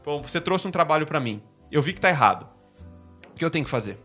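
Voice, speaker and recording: A man's voice: fairly high pitch, expressive, fast talker, bright, forceful tone, husky, soft background music. A man with a Brazilian Portuguese accent hosting a casual podcast discussion. He explains ideas through examples, often restarts his sentences and tags them with "né?". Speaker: podcast host.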